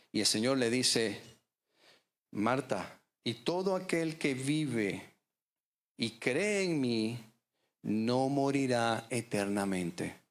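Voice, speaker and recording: A male pastor preaches with measured, dramatic pauses. His voice sits at a middle pitch. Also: fairly bright tone. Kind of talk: sermon.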